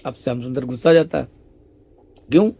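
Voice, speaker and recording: A man's voice: medium pitch, brisk, gravelly, dark tone, husky. A man conversationally retelling a devotional story as a spiritual storyteller.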